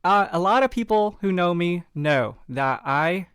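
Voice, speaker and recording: A podcast host, a man with a Southern American accent, gives a motivational monologue straight to the listener in an upbeat, encouraging, folksy manner. His voice sits high with lively intonation, unhurried and a bit bright, and the clean studio recording has no room sound.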